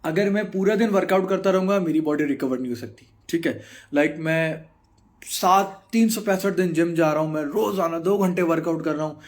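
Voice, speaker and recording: A man in his thirties with a Pakistani Urdu accent, chatting casually on a live stream as he reads out and answers viewer comments, mixing English into his Urdu. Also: on the high side. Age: 30s. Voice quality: mixes English into Urdu, frequent filler pauses. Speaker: bodybuilder answering live chat.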